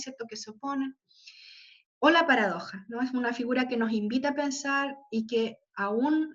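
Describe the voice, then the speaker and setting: High-voiced woman teaching literature. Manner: explanatory, peppered with "¿ya?" and "¿cierto?" checks. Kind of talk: online class lecture. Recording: slightly dull lo-fi audio.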